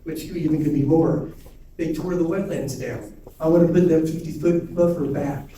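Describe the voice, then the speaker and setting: A man's voice: fairly high pitch, normal speed, warm tone. A man giving a plain-spoken, repetitive campaign speech as a candidate at a debate. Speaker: political candidate. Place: indoor public debate venue. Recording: distant, very echoey room, faint noise.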